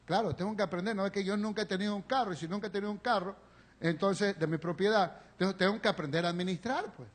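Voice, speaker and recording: A male pastor preaching a sermon, telling a personal story with feeling and swinging between loud pleading and hushed confession. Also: sits high, quick pace. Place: church sanctuary, live stream.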